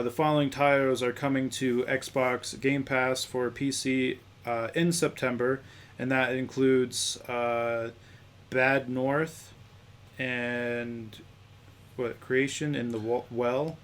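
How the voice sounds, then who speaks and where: A young man in his twenties co-hosting a podcast, talking in a relaxed, offhand way and often trailing off. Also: mid-range voice, slow pace. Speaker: podcast co-host. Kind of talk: casual chat.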